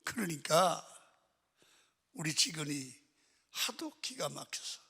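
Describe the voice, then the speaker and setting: An older male pastor preaches in a lively storytelling sermon, jumping between loud outbursts and hushed asides. His voice is husky with a gravelly edge and sits fairly high for a man. A long reverb from the large sanctuary trails after his words. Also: takes it slowly. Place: large prayer-retreat sanctuary. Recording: reverberant church hall.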